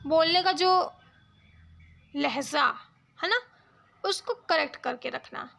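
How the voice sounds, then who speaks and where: A woman's voice: high-pitched, slow, creaky, fairly bright tone. A woman tutor giving an exam lecture in Hindi mixed with English, explaining step by step and checking in with her students.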